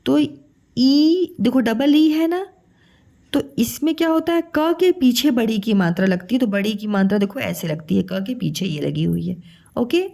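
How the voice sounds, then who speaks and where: A woman teaching young children to read, stretching syllables slowly and calling the listener "beta". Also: a little high, expressive, vocal fry, dark tone. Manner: slow, drawn-out syllables for children. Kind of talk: children's Hindi lesson.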